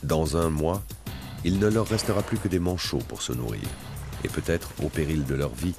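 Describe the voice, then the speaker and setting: Male narrator, extremely low register, scripted documentary voice-over laid over a music bed. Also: normal speed.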